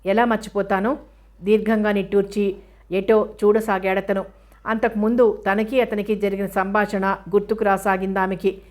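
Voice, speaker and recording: A woman reads a novel aloud in a steady, even storytelling voice. Her pitch sits in the middle and barely rises or falls. She keeps the same level tone through narration and dialogue. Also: normal speed.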